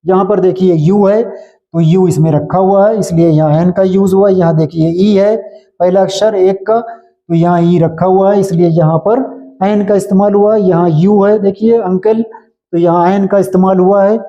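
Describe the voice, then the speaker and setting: A man teaching English grammar in Hindi, explaining slowly and checking often that his students follow. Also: sits high, fairly even intonation, dark tone, lo-fi sound. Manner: repetitive, checks understanding often. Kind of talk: slow classroom explanation in Hindi.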